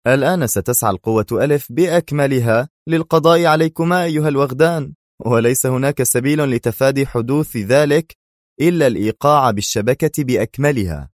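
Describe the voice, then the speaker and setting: A man's voice: mid-range voice, moderate pace, no room sound, clean studio sound, pitched above the performer's own voice, lightly acted. A man playing a cool, sardonic spy hero. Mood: mocking. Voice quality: calm, mocking.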